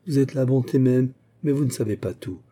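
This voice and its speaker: Male reader as a pale, stubborn young orphan woman, faint and solemn, voice nudged upward, dark and husky. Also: mid-range voice, fairly quick, close to an everyday voice. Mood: defiant.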